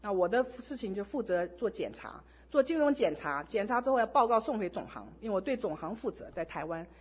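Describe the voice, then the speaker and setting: A woman's voice: mid-range voice, expressive, brisk, breathy edge, muffled recording. A woman sharing an earnest testimony in a sermon, telling stories and exhorting listeners. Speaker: church speaker sharing testimony.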